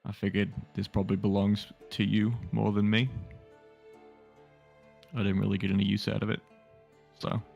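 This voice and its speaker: A young man with a gravelly, slightly low voice, playing a tabletop game and hesitating often as he speaks. Faint music sits under the talk. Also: completely flat delivery, moderate pace, long pauses, darkish tone, dull audio. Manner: hesitant, many fillers. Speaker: player.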